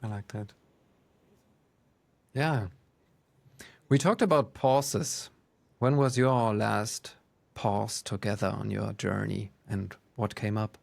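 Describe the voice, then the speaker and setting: A man's voice: lowish voice, fairly even intonation, takes it slowly, vocal fry, long pauses. Man hosting a casual interview. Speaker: podcast host.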